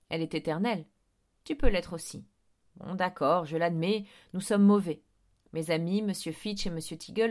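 A woman's voice: fairly low pitch, close to an everyday voice. A woman voicing a sly vampire headmaster. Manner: coaxing, sly, growing insistent. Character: smooth persuasive male vampire headmaster, sinister. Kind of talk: audiobook reading.

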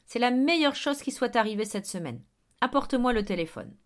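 A woman reading an audiobook, voicing a blustering middle-aged man in a wheelchair who barks and gets excited. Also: on the high side, fairly quick, lightly acted. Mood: gruff. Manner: barking, excitable, bossy.

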